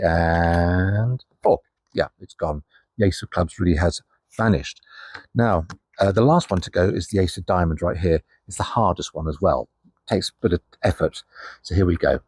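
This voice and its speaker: Older magician with a low husky voice. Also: male voice, a little mellow, no room sound. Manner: chatty, patter-filled with ums and asides. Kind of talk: casual card trick demonstration. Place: indoors at a table, facing a camera with a monitor.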